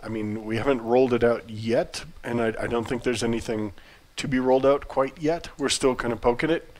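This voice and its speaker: Male livestream co-host, mid-range voice, relaxed and chatty, dry humor, loose delivery full of restarts. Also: medium pitch, a little fast. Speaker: game studio CEO co-hosting a livestream. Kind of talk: casual livestream chat.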